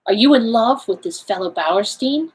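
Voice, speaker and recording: A woman's voice: on the high side, expressive, normal speed, a little mellow, husky, poor audio. A woman reading as a strained, pleading husband. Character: agitated, pleading English gentleman husband.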